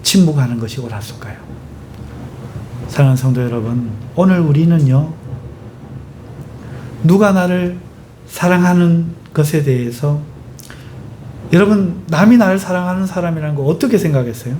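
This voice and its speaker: Male pastor, sermon, rhetorical questions, fairly high voice, faint hiss behind. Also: moderate pace, pauses often. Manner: rhetorical questions, lively emphatic delivery.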